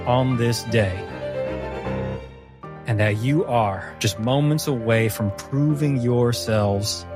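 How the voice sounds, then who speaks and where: A man's voice: mid-range voice, lightly acted. A man voicing a stern middle-aged father who leads the village hunt. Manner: formal, commanding.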